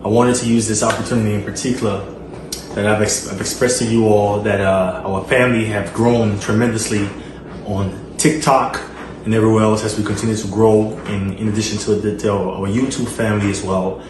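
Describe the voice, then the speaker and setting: A man's voice: fairly low pitch, flat delivery, a little fast. A man from Liberia with a Liberian accent, hosting his channel and answering fan questions in an earnest way, with frequent fillers and repeated phrases. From Liberia, West Africa. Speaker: channel host. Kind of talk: casual Q&A vlog. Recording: echoey room with noise.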